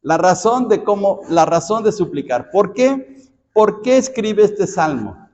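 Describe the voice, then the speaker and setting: Mexican pastor teaching in an echoey hall. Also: male voice, high voice, animated, a little slow, a little mellow. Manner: conversational, asks the congregation "¿sí?" often, repeats words. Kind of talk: Bible study teaching. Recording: dull sound with long hall reverb.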